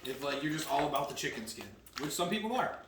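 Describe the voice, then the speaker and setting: A man with a slightly high voice talks very quickly in a casual, slangy group snack review. He sounds away from the mic in an echoey room with clear background noise. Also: animated, recorded from a distance.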